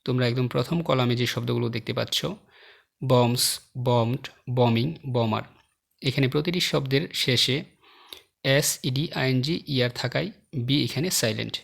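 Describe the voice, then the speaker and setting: A man's voice: mid-range voice, gravelly, fairly bright tone. A man teaching a slide-based lesson, reading example words one by one and explaining the rules, with clicking behind him. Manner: slow, word-by-word example reading. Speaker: English teacher.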